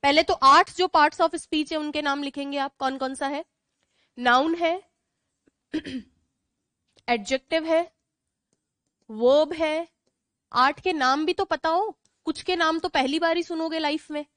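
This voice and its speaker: A woman's voice: sits high, steady tone, slow pace, long pauses, fairly bright tone, no echo. A woman with an Indian accent teaching an online English grammar class, explaining in Hindi mixed with English, repeating points and asking the class questions.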